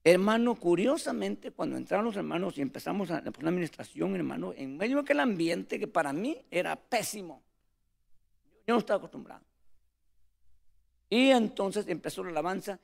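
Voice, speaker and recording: Earnest high-voiced preacher, gravelly edge. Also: male voice, lively intonation, brisk. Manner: earnest, calls listener "hermano" constantly. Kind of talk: storytelling testimony.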